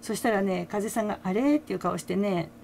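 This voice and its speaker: A woman's voice: mid-range voice, fairly even intonation, quick pace, gravelly, a little mellow, a little hiss or hum. An older woman chatting casually as a fan commentator, laughing often between her remarks, with many fillers. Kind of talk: casual chat.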